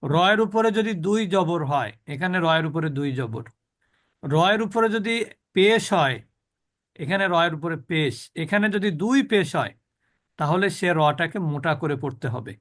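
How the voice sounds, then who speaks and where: High-voiced man teaching pronunciation patiently. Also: animated, fairly bright tone. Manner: patient, repeats key points and quizzes students; demonstrates letter sounds slowly. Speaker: Quran recitation teacher. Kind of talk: online tajweed class.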